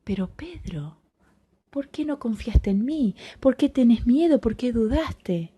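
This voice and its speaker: A calm, gentle male savior, as a woman storyteller puts him on, speaking softly and reassuringly. He has a Rioplatense Spanish accent and a warm, mellow tone. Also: a little high, measured pace, slightly rough.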